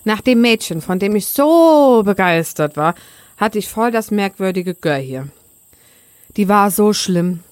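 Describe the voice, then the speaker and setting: A woman's voice: medium pitch, animated, a little slow, darkish tone, no echo, clean studio sound, lightly acted. A woman voicing an ancient fairy-tale old woman who gossips and chatters. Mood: gossipy.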